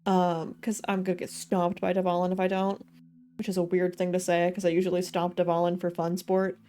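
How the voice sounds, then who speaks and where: A woman's voice: on the low side, monotone, normal speed, mellow. A young woman streaming a game, chatting casually and giggling as she talks to her chat. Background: faint game music.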